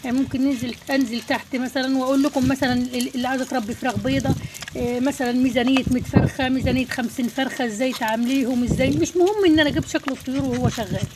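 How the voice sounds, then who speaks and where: An Egyptian woman speaks in rapid, heartfelt casual chat to her viewers about raising birds. Her voice sits a bit high. Clear background noise runs under the recording. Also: steady tone. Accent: Egyptian Arabic. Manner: warm, heartfelt, talks straight to her audience. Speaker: poultry-raising vlogger. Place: rooftop.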